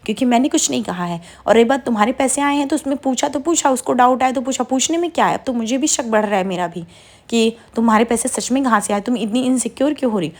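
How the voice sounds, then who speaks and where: A woman's voice: a little high, quick pace. A woman voicing a hardworking young wife from a TV serial, fed up and speaking firmly. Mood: exasperated. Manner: exasperated, firm.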